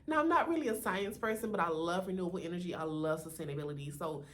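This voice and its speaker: A woman's voice: on the low side, quick pace, a bit bright. An American woman with a slight lisp from braces, chatting casually to her viewers as a sassy, talkative video host. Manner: sassy and chatty, peppered with "honey", "you know" and "right?".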